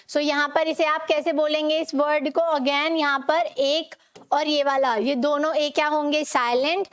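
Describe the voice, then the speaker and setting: A woman's voice: high voice, a bit bright. A young woman teaching an online spoken-English class, drilling words again and again and checking in with students. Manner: repetitive drilling, frequent "ठीक है" check-ins; reads student comments aloud and answers them.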